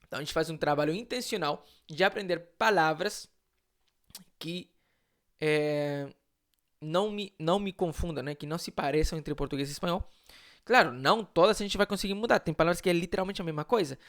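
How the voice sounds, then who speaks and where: A man's voice: a little high, a little fast, fairly bright tone. A man from Chile with a Chilean Spanish accent, a Spanish teacher giving a live online lesson in a conversational way, often adding tag questions and answering his own rhetorical questions.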